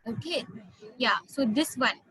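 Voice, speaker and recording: Indian woman French tutor, high voice, slow and patient, mixes in Hindi. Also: bright, forceful tone, husky, rough recording. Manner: explains slowly, switches into Hindi, spells words out. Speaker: French teacher. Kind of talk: online class teaching.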